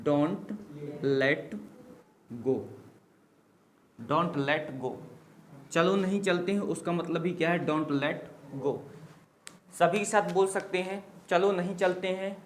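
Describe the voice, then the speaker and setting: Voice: medium pitch, slight background noise. A teacher giving a spoken language lesson, drilling phrase after phrase with patient repetition and answering their own questions along the way. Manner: slow patient drilling, repeating each phrase. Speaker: English teacher.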